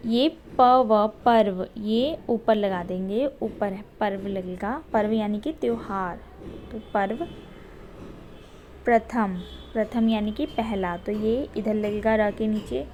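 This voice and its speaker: Slow, patient woman teacher. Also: medium pitch, steady tone, dark tone, slight background noise. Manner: slow, patient, repeats words for pupils. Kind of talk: recorded Hindi grammar lesson for children.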